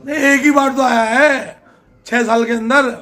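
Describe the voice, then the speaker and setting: An older man answers interview questions in a plain, emphatic way, often saying a point twice. His voice sits high for a man. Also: fairly even intonation, measured pace, pushed and bright. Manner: plain-spoken, emphatic, repeats himself. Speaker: political candidate.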